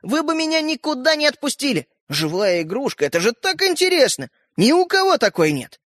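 A man voicing a tiny, boastful and sly living toy boy in a storybook, cheeky and excitable. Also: very high-pitched, a little fast, no room sound, clean studio sound, pitched above the performer's own voice, exaggerated voice. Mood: defiant.

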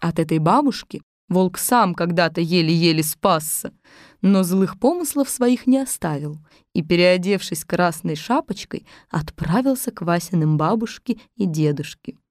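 A woman narrating a fairy tale with expressive storytelling. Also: fairly low pitch, a little slow, no room sound, studio quality.

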